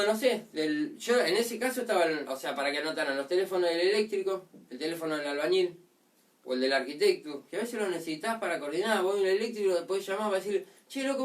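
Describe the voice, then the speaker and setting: A man with an Argentine Spanish accent, a drywall contractor giving a slangy, animated casual talk to his workers. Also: sits high, far from the mic.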